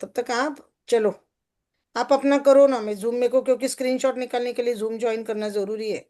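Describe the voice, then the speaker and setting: Earnest middle-aged woman coach, higher voice. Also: steady tone, moderate pace, warm tone. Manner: earnest, emotional, addresses herself by name. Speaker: success coach. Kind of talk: guided self-forgiveness exercise. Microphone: video call.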